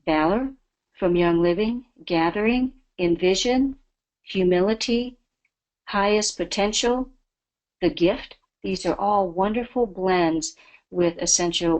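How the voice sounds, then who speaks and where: A woman's voice: fairly low pitch, darkish tone, low-quality recording. A woman giving a spiritual talk as a webinar guest, earnest and devotional. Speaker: guest speaker.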